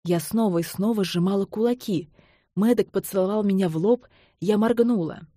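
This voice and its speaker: A woman narrating a novel in the first person, in a measured, intimate storytelling manner. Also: mid-range voice, warm tone, no echo, studio quality. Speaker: audiobook narrator.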